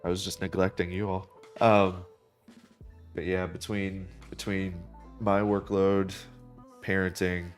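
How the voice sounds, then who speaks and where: A man with a very low, deep voice talks casually to his viewers while he draws. He rambles, restarts his sentences and fills pauses with "um". It sounds like a desk microphone at his computer. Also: faint music behind. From United States. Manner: relaxed, rambling, many fillers and restarts. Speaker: artist live streaming a drawing session.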